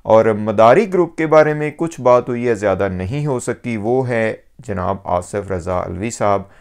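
A man giving a measured religious commentary, pausing often on fillers. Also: fairly low pitch, lively intonation, creaky, smooth. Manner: measured, with frequent hesitation fillers.

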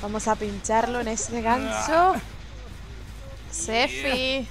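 A woman's voice: a little high, slow pace, gravelly, a crowd in the background. A young woman with a Spanish accent from Spain, streaming a game and teasing the other players with playful taunts and laughter. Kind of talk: live gameplay commentary. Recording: noisy stream audio.

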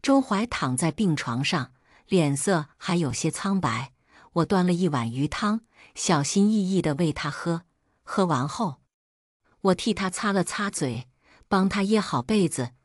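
Brief: woman narrator, steady first-person storytelling, low register, dry studio sound. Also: a little slow, no room sound. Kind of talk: scripted web-novel narration.

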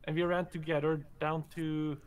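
A high-voiced man in casual multiplayer game chat. He sounds defensive as he argues his case to the other players. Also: level tone, moderate pace, smooth.

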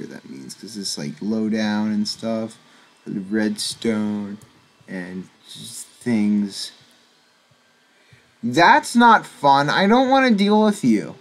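Slow, rambling young man gaming. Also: lowish voice. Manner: rambling, excitable, lots of fillers. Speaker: gaming channel host. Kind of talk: casual gameplay commentary. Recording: faint music behind.

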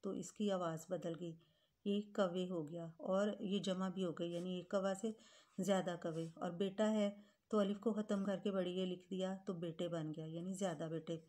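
A woman's voice: on the low side, fairly even intonation, moderate pace, warm tone. A woman teaching a grade-school Urdu grammar lesson, patiently spelling words out letter by letter and calling her pupils children.

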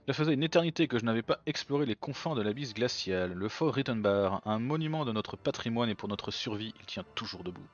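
A man's voice: medium pitch, lively intonation, quick pace, few pauses, highs cut off, natural voice. A man reading as a proud duke with a mock German accent. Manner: reads game dialogue aloud in a put-on accent. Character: proud male duke leading his army.

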